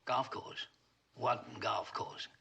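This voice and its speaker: An actor playing a gruff, wry geological engineer in a 1970s TV crime drama. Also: male voice, mid-range voice, little pitch movement, very slow, bright, forceful tone, heavily acted.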